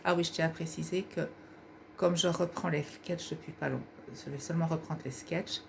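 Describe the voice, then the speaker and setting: A woman with a husky voice, hosting her own sketch video and talking casually to her viewers. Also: sits low, fairly even intonation, moderate pace, a little hiss or hum. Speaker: sketch video creator and host. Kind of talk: casual vlog talk to viewers.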